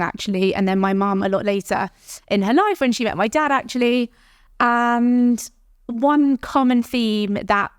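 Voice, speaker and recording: A South London woman in her thirties, a startup founder, appears as a guest on a podcast interview and tells stories in a warm, chatty manner, laughing often. Her mid-range voice is smooth and clean, and the recording sounds dry and close.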